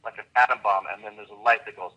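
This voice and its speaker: Enthusiastic male coach, bright tense voice. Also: on the low side, quick pace, husky, lo-fi sound. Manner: enthusiastic, vivid and expressive. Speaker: host and coach. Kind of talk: coaching call with a guest.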